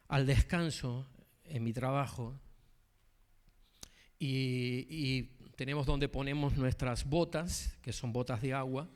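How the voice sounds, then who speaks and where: A man's voice: mid-range voice, clean tone. A man preaching a sermon as pastor, asking the congregation questions and telling a story from his workplace. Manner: storytelling, addresses the congregation directly.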